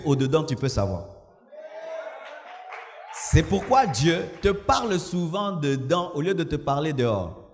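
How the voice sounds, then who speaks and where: Preaching man in a reverberant hall. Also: a little high. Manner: preaching with shouted mimicry and laughter. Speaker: pastor. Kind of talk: sermon.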